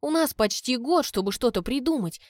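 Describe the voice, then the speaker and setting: A woman narrating a first-person fantasy story in a brisk, even storytelling manner. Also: sits high, no room sound, clean studio sound. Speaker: audiobook narrator.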